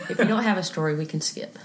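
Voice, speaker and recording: Woman host asking gentle questions. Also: fairly low pitch, slight background noise. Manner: warm, encouraging questioner with frequent affirmations. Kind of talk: casual interview.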